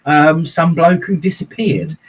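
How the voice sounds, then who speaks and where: Over a crowd in the background, this reverend co-host speaks at a fairly high pitch, keeping things casual and easygoing with frequent chuckles and stretched-out phrasing. He's on a video call, and the livestream sound is dull and lo-fi.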